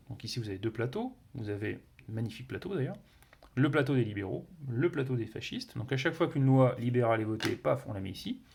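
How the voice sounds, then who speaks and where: Guy explaining a board game, lots of ums and restarts, tosses in little sound words, mid pitch. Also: creaky, darkish tone, slight background noise. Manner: hesitant, many fillers and self-corrections; punctuates with playful sound words. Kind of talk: casual explanation of game rules.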